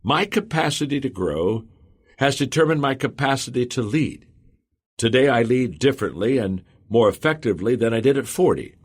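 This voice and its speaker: A man reading a motivational audiobook in the first person, earnest and measured. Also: medium pitch, animated, breathy edge. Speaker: audiobook narrator. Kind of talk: scripted audiobook narration.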